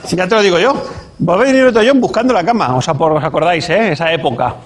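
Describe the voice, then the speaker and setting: A man's voice: sits high, fast talker, slight background noise. A man, doing a punchy stand-up monologue and acting out the voices he quotes. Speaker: stand-up comedian.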